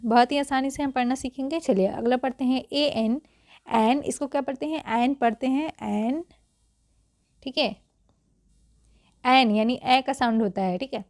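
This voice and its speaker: A woman's voice: high-pitched, a little slow, pauses often, darkish tone, dry recording, clean studio sound. A woman teaching English reading in Hindi, patiently repeating each word and quizzing the viewer.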